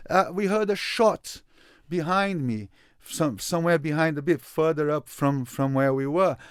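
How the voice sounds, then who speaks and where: A Brazilian photographer, appearing as an interview guest, tells a story with animation, often repeating words and restarting sentences. His voice is a little high and smooth, at a moderate pace, in a dry, studio-quality recording.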